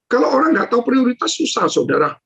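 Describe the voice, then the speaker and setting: A man's voice: extremely high pitch, very animated, fast, gravelly. A male pastor giving a conversational sermon, telling stories and addressing the congregation directly. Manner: conversational storytelling, addresses listeners as "saudara". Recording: dull lo-fi recording.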